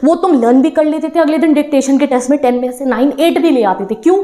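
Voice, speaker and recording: A woman's voice: high voice, fast talker, mellow. A young woman teacher giving an encouraging talk to exam students, switching between Hindi and English phrases. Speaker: online teacher.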